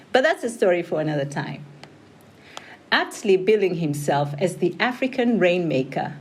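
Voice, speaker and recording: A woman's voice: mid-range voice, a little mellow, slightly rough. A woman with a Kikuyu Kenyan accent hosting an interview podcast. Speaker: podcast host. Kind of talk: scripted introduction and warm interview chat.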